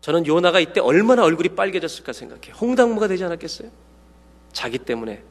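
A man preaching a sermon, acting out dialogue with sudden loud bursts to his congregation. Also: on the high side, expressive, fast. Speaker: pastor. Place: church sanctuary. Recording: long hall reverb.

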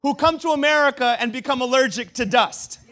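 A man in his thirties, from Brazil, preaches with a very high voice. His tone is bright and forceful. He tells funny personal stories in an animated way. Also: brisk. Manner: animated, humorous storytelling with laughs.

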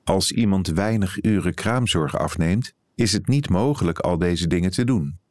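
A man, an editor, reading a written reportage aloud in calm, even scripted narration. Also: low voice, moderate pace, no echo.

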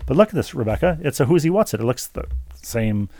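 Podcast host, male, gravelly voice, dry close sound, casual letter reading. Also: medium pitch, big pitch swings, fast talker, warm tone, no room sound. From Minnesota. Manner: reads letters aloud with chatty asides. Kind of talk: casual podcast chat, reading listener mail.

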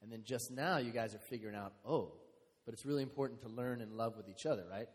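A man's voice: mid-range voice, fast. A man leading a group discussion in an earnest way, repeating key phrases. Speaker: discussion leader. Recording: reverberant room.

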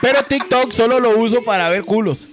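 A man with a Costa Rican accent, a podcast guest in casual chat, slangy and quick to laugh. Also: very high-pitched. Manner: laughs a lot, slangy, ends lines with "pa" or "ma". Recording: noisy room.

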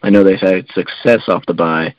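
A man co-hosting a casual sports podcast, relaxed and hedging, with lots of fillers. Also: low-pitched, normal speed, dry recording, highs cut off. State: coughing. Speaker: podcast co-host.

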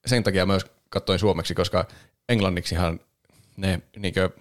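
A man's voice: low voice, fairly even intonation. A man hosting a podcast, chatting casually about a film, laughing often and now and then imitating voices. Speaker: podcast host. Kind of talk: casual chat reviewing a film.

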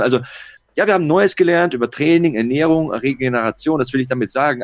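A man's voice: medium pitch, no room sound. A man in his late thirties co-hosting a podcast, talking earnestly and reflectively in casual chat. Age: 30s. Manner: reflective, earnest, listing things off. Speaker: podcast co-host.

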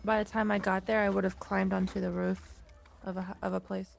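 A woman's voice: mid-range voice, little pitch movement, a little fast, creaky. A woman casually describing her character's moves as a player in a tabletop game.

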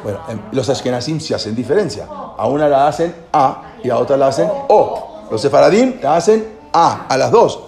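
A man's voice: medium pitch, expressive, moderate pace, vocal fry, few pauses, crowd noise. Man lecturing in an echoey room. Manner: explains with questions to listeners, repeats and restarts. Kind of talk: informal lecture. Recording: echoey room with faint background noise.

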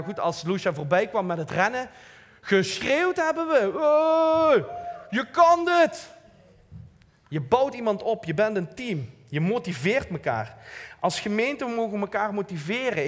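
A man with a Limburg Dutch accent giving an informal, earnest church talk, plain-spoken with light self-mocking asides. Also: high-pitched. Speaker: lay preacher. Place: church hall. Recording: long hall reverb.

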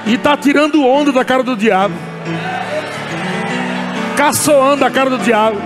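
A man preaching a sermon as pastor, animated and often shouting and laughing, at a church service. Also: extremely high pitch, moderate pace, crowd noise. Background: music.

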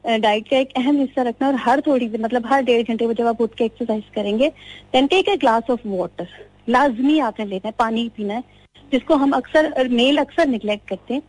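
Phone line पर ऊँची आवाज़ वाली महिला collar. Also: female voice, a little high, normal speed, a little mellow, no echo. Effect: heard over a phone line. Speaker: caller. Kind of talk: radio call-in, giving health tips.

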